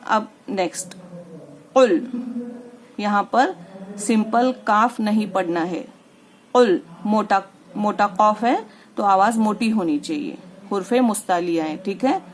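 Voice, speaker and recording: A woman's voice: medium pitch, measured pace, a little hiss or hum. A woman teaching the rules of Quran recitation step by step. She patiently checks understanding and draws out words when she demonstrates them. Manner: patient, repeats "theek hai" to check understanding.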